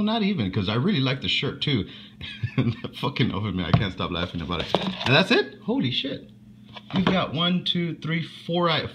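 Low-voiced man swearing through an unboxing. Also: a bit bright, slight background noise. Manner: rambling, profane, halting. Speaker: unboxing vlogger. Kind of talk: casual unboxing commentary.

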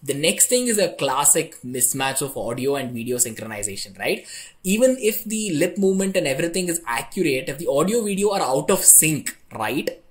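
A man's voice: on the high side, sing-song, normal speed. Conversational man. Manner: conversational, ends points with "right?". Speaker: online instructor. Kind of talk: casual tech tutorial.

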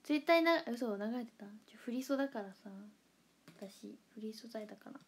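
With slight background noise behind her, a young Kansai idol livestreamer chats playfully, reads out comments, giggles often and murmurs asides. Her Kansai-accented voice is a little high, expressive and at a normal speed.

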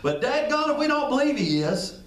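Folksy preacher in an echoey room. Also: male voice, very high-pitched, big pitch swings, normal speed, a bit bright. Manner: folksy, conversational preaching with Southern idioms. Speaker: pastor. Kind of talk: sermon. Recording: echoey room, picked up from a distance.

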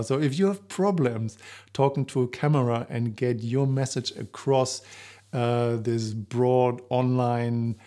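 Middle-aged man presenting, even pitch. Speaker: presenter, coach and author. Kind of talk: to-camera promotional presentation. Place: small living-room home studio indoors. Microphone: shotgun microphone just out of frame.

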